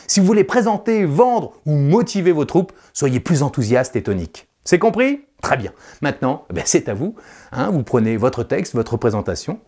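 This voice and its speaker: A man leading vocal coaching exercises, encouraging the viewer directly and swinging between loud declarations and soft, confidential tones. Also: on the high side. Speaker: speaking coach.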